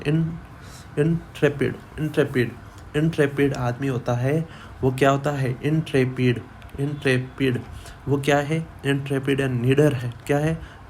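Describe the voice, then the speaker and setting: A male teacher takes his students through vocabulary at an unhurried, deliberate pace. He repeats each word again and again and keeps asking questions he answers himself. A faint hiss of noise sits under his voice. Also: mid-range voice. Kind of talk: vocabulary lesson for exam students.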